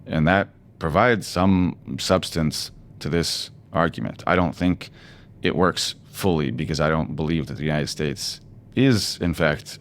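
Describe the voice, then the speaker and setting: A man hosting a podcast interview, asking measured, probing questions. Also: extremely low pitch, slight background noise. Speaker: podcast host.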